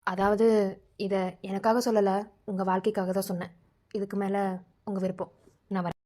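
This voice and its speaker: A woman's voice: mid-range voice, little pitch movement, normal speed, warm tone, natural voice. A middle-aged cartoon mother-in-law, voiced by a woman, who scolds and advises in an ordinary mid-range voice. She speaks earnestly and plainly, with no effects. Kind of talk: fan-made cartoon voice acting.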